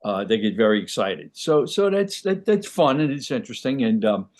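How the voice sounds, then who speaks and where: A man's voice: mid-range voice, big pitch swings, moderate pace, darkish tone. An older man, an actor guest on an interview, telling stories in an easygoing, rambling way with frequent "you know"s. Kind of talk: casual interview chat.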